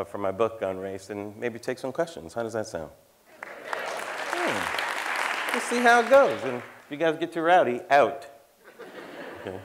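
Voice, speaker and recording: A comedian and cultural commentator in his fifties gives a wry, conversational stand-up style talk on a large theater stage before a live audience. His voice is a little high with a fairly bright tone, and he teases the crowd and laughs at his own jokes.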